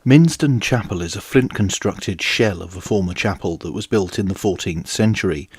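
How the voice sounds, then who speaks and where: A man in his forties giving measured, wry, scripted documentary narration as a history channel host. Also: deep voice, husky, no room sound, clean studio sound.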